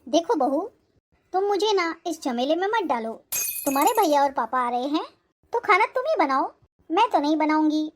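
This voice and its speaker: A woman's voice: sits high, big pitch swings, moderate pace, slight background noise. Woman doing scolding proud mother-in-law. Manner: scolding, sharp-tongued, complaining. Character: stern proud middle-aged mother-in-law.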